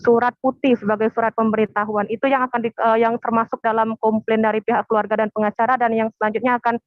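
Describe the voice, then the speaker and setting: A woman reporting live by phone, speaking hesitantly with many filler pauses. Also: a little high, level tone, dry recording. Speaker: field reporter. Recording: tinny phone line, dry, faint music.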